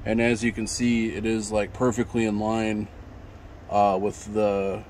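A man's voice: on the low side, level tone, measured pace, darkish tone. A young man casually showing off a fishing build on a phone camera outdoors, rambling with many ums and restarts. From Michigan. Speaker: fishing channel host. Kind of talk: casual how-to vlog. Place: outdoors in an apartment parking lot. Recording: noisy outdoor phone recording.

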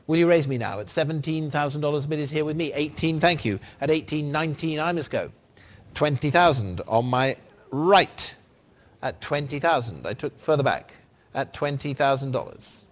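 Male fine art auctioneer, middle-aged, somewhat higher register, clipped formal bid-calling with figures repeated. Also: animated, moderate pace. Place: large indoor auction saleroom.

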